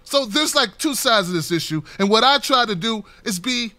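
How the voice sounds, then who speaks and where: Bright-voiced man on a fired-up political rant. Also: extremely high pitch, animated, moderate pace, dry recording. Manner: impassioned, preachy, rising to near-shouts. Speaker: political commentary vlogger.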